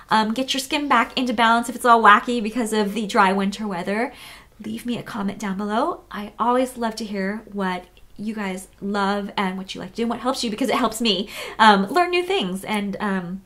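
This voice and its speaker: Chatty woman vlogger sharing skincare tips. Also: a little high. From United States. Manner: chatty, relaxed, frequent fillers and self-corrections. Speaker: beauty vlogger. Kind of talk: casual beauty tutorial.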